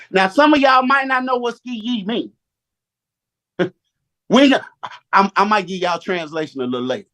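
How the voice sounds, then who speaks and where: On a Zoom call, a high-voiced man gives an animated, slang-heavy motivational talk in a preacher's style, calling on listeners to answer back.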